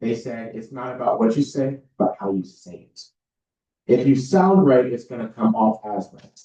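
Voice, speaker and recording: A young adult man speaks to a student club about public speaking, relaxed and confident, lowering his voice for authority at a normal pace. A distant mic catches him from across a reverberant meeting room, giving roomy, somewhat dull sound.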